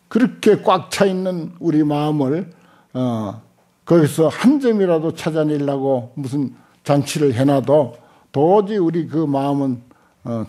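An elderly Buddhist monk in his 70s or older lectures on scripture in an indoor hall to a seated audience, using a desk stand microphone. His soft, mellow voice is pitched a little high. He speaks unhurriedly in short, halting phrases, with frequent interjections and emphatic repetition of key points.

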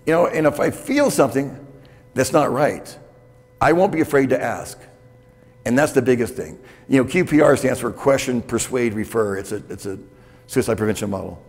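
An older man with a gravelly edge speaks at a middle pitch, talking candidly and conversationally to a conference audience and often checking in with the room. His voice rings with the long reverb of a hotel conference hall. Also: lively intonation, normal speed. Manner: candid, conversational, with frequent "okay?" check-ins. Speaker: keynote speaker. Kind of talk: conference keynote talk.

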